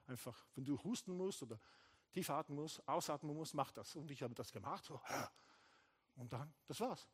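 A male pastor delivers a lively sermon with a somewhat high-pitched voice. He swings between loud, excited emphasis and quieter, intimate moments. He acts out brief exchanges and slips English phrases into his German. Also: moderate pace, slightly rough. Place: church hall.

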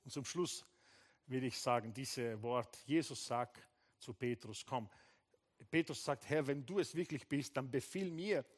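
A man preaching a sermon as pastor, animated, acting out short dialogues and dropping English phrases into his German. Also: medium pitch, unhurried. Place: church hall.

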